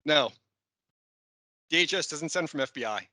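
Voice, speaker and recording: Brief: male colleague on a video call, very bright tense tone, deadpan quips. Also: a little high, normal speed, dry recording, clean studio sound. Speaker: colleague in a meeting. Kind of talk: casual work meeting chat.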